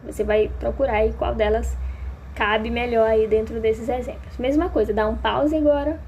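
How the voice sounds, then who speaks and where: A woman from Maranhão, Brazil, teaching in a patient, explanatory way, speaking straight to her students. Her voice sits fairly high and has a mellow tone. A faint hum runs underneath. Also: fairly even intonation, normal speed, low-quality recording. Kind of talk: recorded grammar lesson.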